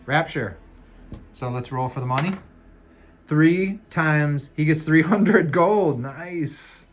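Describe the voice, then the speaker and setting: A man's voice: a little high, takes it slowly. A man playing a solo tabletop dungeon game, reading cards aloud, counting moves and dice, and thinking aloud about the rules. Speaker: game master.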